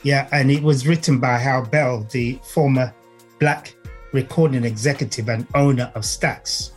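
A man explaining as a knowledgeable guest, halting in phrases and repeating points for emphasis. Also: mid-range voice, steady tone, soft background music. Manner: halting, emphatic repetition, checks with "right?" and "you see". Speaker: guest music author and historian. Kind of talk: explanatory conversation.

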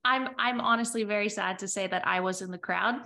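A woman's voice: medium pitch, a little fast, gravelly, pushed and bright. A woman who is a guest on a podcast, chatting in a playful, joking way. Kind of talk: casual podcast chat.

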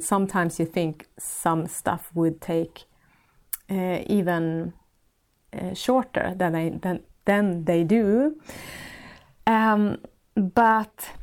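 This solo podcast is hosted by a life coach from Sweden whose first language is Swedish. With a medium-pitched voice and a Swedish accent, she searches gently for English words and makes small restarts.

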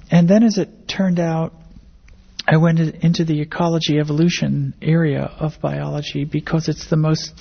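Her voice is deep, creaky and husky: an older academic biologist, born in America and raised in Indonesia and the Philippines. Being interviewed, she replies in a hesitant, reflective, conversational way, repeating words as she thinks, and the recording sounds dull, muffled and lo-fi.

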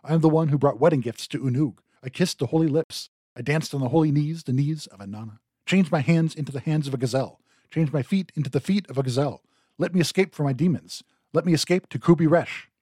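A man's voice: a little high, fast, darkish tone, no echo, clean studio sound, close to an everyday voice. A man reading the part of a doomed young shepherd god, pleading in formal, chant-like lines. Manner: lamenting, formal incantatory reading.

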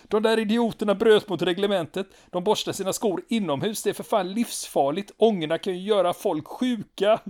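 Brief: man playing a shrill, indignant young conscript, high-pitched, shouting the rulebook. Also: sing-song, few pauses. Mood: enraged. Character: rigid, ranting young male conscript obsessed with rules.

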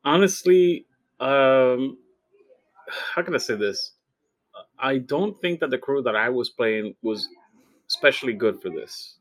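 Man casually explaining game rules, mid pitch. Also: lively intonation, unhurried, long pauses, poor audio. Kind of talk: casual game analysis chat.

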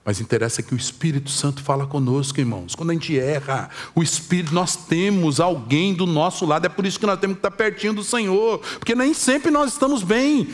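Animated Brazilian preacher, man. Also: a little high, fairly quick, few pauses. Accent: Brazilian Portuguese. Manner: animated storytelling that swings from loud to hushed. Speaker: pastor. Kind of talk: sermon with a personal story.

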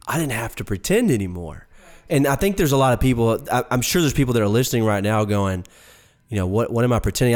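Lower-voiced man telling stories. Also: smooth. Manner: animated storyteller, explains terms for listeners. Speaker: podcast co-host. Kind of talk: casual faith podcast chat.

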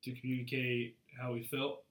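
A man's voice: mid-range voice, completely flat delivery, moderate pace, a bit bright, echoey room. A young man co-hosting a casual faith podcast, frank and earnest, often repeating words as he starts a sentence. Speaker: podcast co-host.

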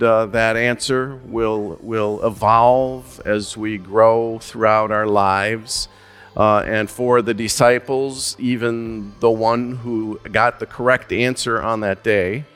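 A man preaching a sermon as pastor, measured and deliberate, with slow emphatic phrases. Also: lowish voice, fairly bright tone, clear, resonant tone, big-room sound.

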